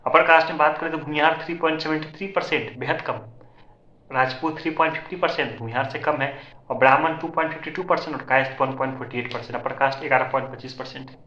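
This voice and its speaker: A man's voice: on the high side, steady tone, bright, forceful tone, a little hiss or hum. A man presenting census figures in an informal, repetitive explainer style, often calling out to his viewers as friends. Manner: rapid, repetitive, keeps addressing viewers as friends. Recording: echoey, slightly dull lo-fi audio.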